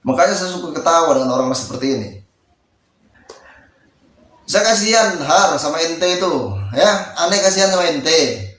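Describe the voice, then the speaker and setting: A man's voice: fairly high pitch, normal speed, pauses often, a bit bright, reverberant. A man from Indonesia, an Islamic cleric, giving a heated rebuttal speech in a mocking, scolding way and repeating phrases for emphasis.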